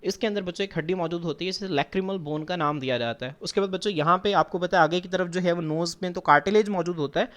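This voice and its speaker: With few pauses, this fast-talking man delivers a classroom biology lecture over slides in a high voice of fairly bright tone. He repeats points with patience, asks and answers his own questions, refers to students as children, and works English scientific terms into what he says.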